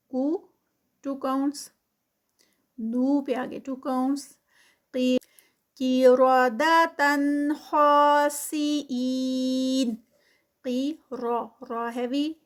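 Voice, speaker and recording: A woman teaching tajweed, reciting phrases slowly and drawn out, then explaining the rules quickly and plainly. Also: high voice.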